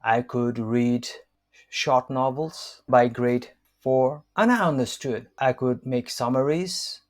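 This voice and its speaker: A Nepali man in his fifties, whose first language is Newari, reads aloud from his own book. He's an author and language counselor with a mid-range voice, and his delivery is measured and hesitant, full of fillers.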